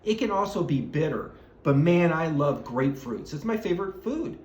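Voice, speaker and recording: A man teaching a Bible lesson to children, telling it as a lively story and acting out the voices. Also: a little high, normal speed. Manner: animated storytelling, acts out voices. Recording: echoey room.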